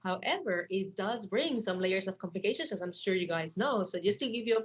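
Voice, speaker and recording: A woman's voice: mid-range voice, expressive, brisk. Woman, young, guest on a podcast, eager, trips over her first words, talking from home. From Puerto Rico. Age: young adult. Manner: enthusiastic, repeats words when starting a thought. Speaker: guest, financial educator. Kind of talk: casual interview talk.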